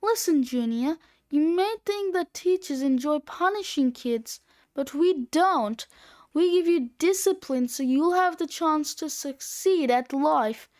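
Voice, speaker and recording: A woman reading aloud, voicing a gruff middle-aged male gym coach who barks deadpan orders. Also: high-pitched, measured pace.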